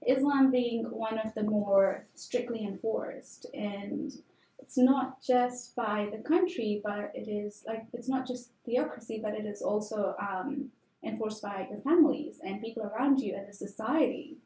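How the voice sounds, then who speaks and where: A woman's voice: medium pitch, measured pace, mellow. A young woman from Tanzania, a guest telling her personal story in a candid, conversational way with frequent fillers. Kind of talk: conversational interview. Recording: echoey room.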